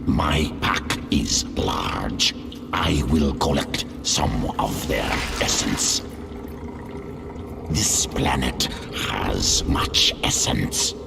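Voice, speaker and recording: Hulking gravelly alien beast. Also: male voice, very deep voice, animated, roomy sound, over music, exaggerated voice. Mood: hungry, brooding. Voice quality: guttural, gravelly growl. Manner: slow, blunt, primitive phrasing. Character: hulking primal alien beast, pack leader, hungry to evolve. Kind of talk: video game voice acting.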